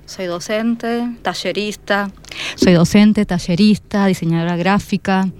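A woman, a teacher and book designer, talking as a guest in a radio interview, pausing often to find her words. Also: mid-range voice, steady tone, a little mellow, smooth. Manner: thoughtful, searching for words with pauses.

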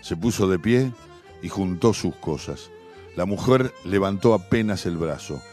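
A man's voice: deep voice, lively intonation, measured pace, a little mellow, soft background music. Rioplatense man reading a story. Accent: Rioplatense Spanish. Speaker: narrator.

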